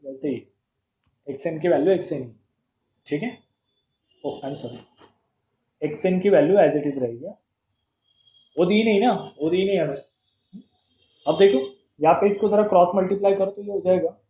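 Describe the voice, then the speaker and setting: A man walks through a math lesson, posing questions and answering them himself in a playful way. His voice sits high but mellow. The room is echoey, with a faint hum behind him. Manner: explains step by step with rhetorical questions; playful, calls terms "bhai sahab". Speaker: math teacher.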